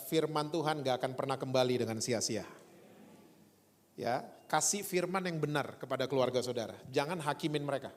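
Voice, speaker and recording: A man preaching a sermon in a church, telling a lively story and acting out voices in his quotes. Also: mid-range voice. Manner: animated storytelling with voiced quotes, speaks of his former stutter. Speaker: pastor. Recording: long church hall reverb.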